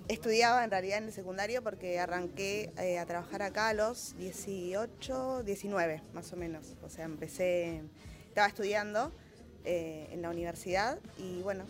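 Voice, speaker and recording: A woman in her thirties with an Argentine Spanish accent, giving a casual testimony about her job with many hesitant fillers. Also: medium pitch. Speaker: university staff member interviewed.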